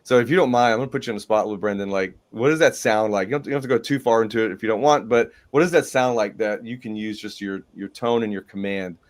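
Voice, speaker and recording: Male host, lower voice, upbeat and emphatic, business training talk. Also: fast talker, few pauses. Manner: enthusiastic, emphatic, frequent "right?". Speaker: podcast host.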